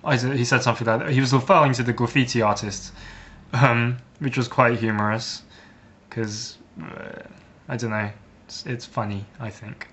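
A man's voice: mid-range voice, steady tone, moderate pace, a bit bright, a little hiss or hum. A teenage boy vlogging a casual, sarcastic comic rant with jumpy swings of emphasis.

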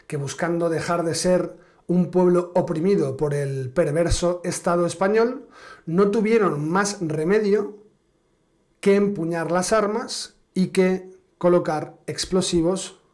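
A man's voice: sits high, darkish tone. A man from giving a political commentary monologue, sarcastic and emphatic, drawing out words for dramatic effect.

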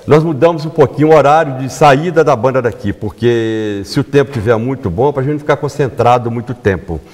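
Sixties male, lively interview guest, self-correcting, lapel mic in a reverberant studio. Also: mid-range voice, brisk. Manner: animated, repeats himself, self-corrects. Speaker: carnival band organizer, guest.

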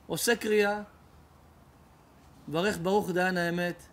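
A man, a rabbi, preaching an emotional storytelling sermon, shifting dramatically between loud outcries and hushed tones. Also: sits high, fairly even intonation.

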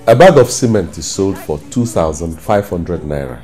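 A man's voice: sits low, animated, normal speed, warm tone, faint music behind. An actor with a Nigerian accent playing an emphatic husband who lectures his wife with exclamations and questions. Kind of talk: film drama acting.

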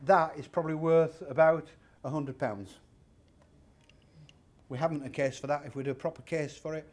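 A man's voice: mid-range voice, a little mellow. A man in his fifties who owns a secondhand shop, speaking in an interview and talking plainly through the prices of old items. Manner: chatty, plain-spoken, explains prices step by step. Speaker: warehouse shop owner. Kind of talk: interview and object demonstration. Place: large indoor secondhand furniture warehouse.

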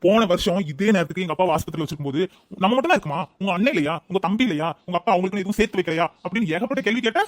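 A woman voicing a curt young husband rushing to the office in a cartoon. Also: on the low side, animated, a little hiss or hum, voice pushed down, natural voice. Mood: reproachful. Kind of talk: cartoon voice acting.

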